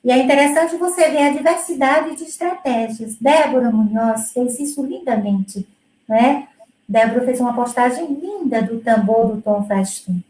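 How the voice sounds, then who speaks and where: Brief: middle-aged woman music educator, high voice, chatty and explanatory, echoey room. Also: moderate pace, a little mellow. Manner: explanatory, with many fillers and restarts. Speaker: music educator presenting her work. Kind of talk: conversational presentation.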